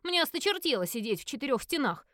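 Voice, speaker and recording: A woman's voice: sits high, big pitch swings, fast, fairly bright tone, no echo, studio quality, voice pushed up. A woman voicing a sulky, defiant teenage boy who snaps rudely in an audiobook. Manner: snapping, rude.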